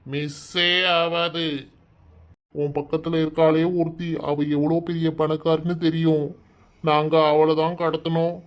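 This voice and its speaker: A man's voice: on the high side, monotone, measured pace, clear, resonant tone, muffled recording, natural voice. A man voicing a bossy, threatening kidnapper in a cartoon, with a Kanyakumari Tamil accent, barking orders and threats. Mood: gruff threatening. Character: gruff male kidnapper gang, bossy and threatening. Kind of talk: cartoon voice acting.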